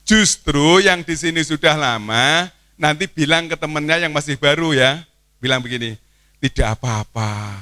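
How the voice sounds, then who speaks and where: Man teacher, coaxing crowd of kids; bright, slightly high voice. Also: moderate pace, clean tone, no room sound. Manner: playful, coaxing, asks the crowd questions. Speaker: teacher addressing students. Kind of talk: lively speech to children at an opening event. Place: boarding school hall.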